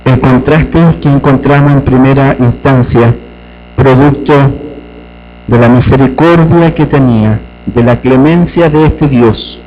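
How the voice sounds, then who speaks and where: High-voiced pastor preaching slowly. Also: male voice. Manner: preaches with rhetorical questions and emphatic repetition. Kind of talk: sermon. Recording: dull lo-fi recording with mains hum.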